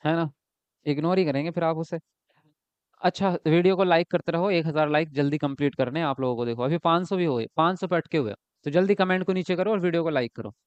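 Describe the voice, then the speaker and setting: High-voiced man teaching an exam-prep lesson. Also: fast, clear, resonant tone, no room sound, highs cut off. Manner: explains by asking and answering himself; ends points with a checking tag.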